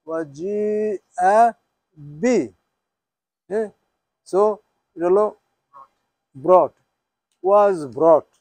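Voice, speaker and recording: This Quran teacher, a man with a high but darkish voice, runs an informal class lesson recorded with no echo. He keeps checking on his students with frequent "হ্যাঁ?" prompts, moves between Bengali and English, and spells out the Arabic.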